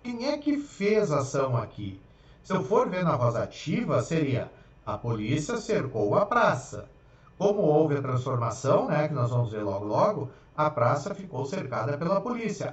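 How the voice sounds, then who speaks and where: Man, Brazilian accent, fairly high voice, teacher explaining grammar, roomy dull sound, mic at a distance. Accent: Brazilian Portuguese. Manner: explains step by step, checking in with "tá?" and "ok?". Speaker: Portuguese teacher. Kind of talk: grammar lecture for exam prep.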